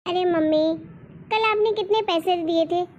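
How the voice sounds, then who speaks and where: In a muffled recording, a woman does cartoon voice acting as a spoiled, demanding young college girl. Her voice is extremely high-pitched and moderately paced, with a whiny, demanding manner.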